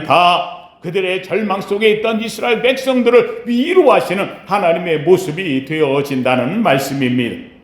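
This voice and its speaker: A male pastor delivering an emphatic sermon, with sharp rises and slow, low falls. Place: church sanctuary. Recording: echoey church sanctuary.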